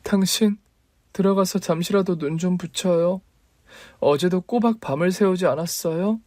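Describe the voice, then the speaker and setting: A man voicing a soft-spoken grieving wife. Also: high voice, normal speed, no room sound, clean studio sound, voice pushed up, close to an everyday voice. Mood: gentle.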